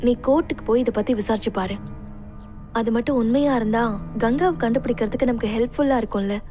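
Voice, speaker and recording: Brief: actress as an earnest, helpful woman with a fairly high voice. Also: fast, warm tone, soft background music, close to an everyday voice. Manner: earnest, urging. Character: concerned, helpful young woman friend. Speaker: dubbing actor. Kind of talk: dubbed film acting.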